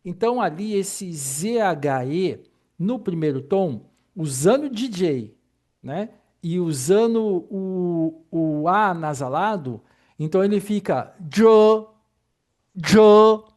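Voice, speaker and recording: Guy teaching mandarin sounds, kinda high voice, takes it slow and repeats stuff. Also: animated, a little mellow. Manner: patient, explanatory, models sounds slowly and repeats them. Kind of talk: online pronunciation lesson.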